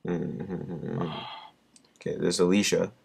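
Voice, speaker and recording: Teasing young man, husky voice. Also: deep voice, fairly even intonation, takes it slowly, a little mellow. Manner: teasing, laughing. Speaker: friend of the host. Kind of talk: casual chat.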